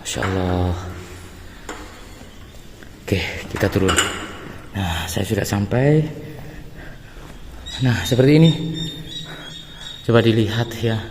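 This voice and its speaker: A man's voice: fairly low pitch, fairly even intonation, slow, long pauses. A man vlogging casually with hesitant fillers and friendly asides to viewers, his voice echoing in an underground stone chamber. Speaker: travel vlogger exploring a site. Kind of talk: casual walk-through narration. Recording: long reverb from a stone hall, faint ambient noise.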